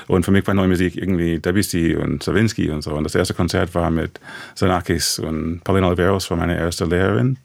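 Low gravelly American man speaking German. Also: steady tone, no echo. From USA. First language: English. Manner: halting, many fillers and restarts in imperfect German. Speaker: composer guest. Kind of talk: reflective radio interview answers.

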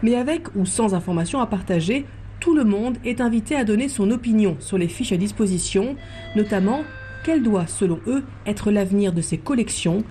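A woman radio reporter narrating a news report in a measured, even way. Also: mid-range voice, faint music behind.

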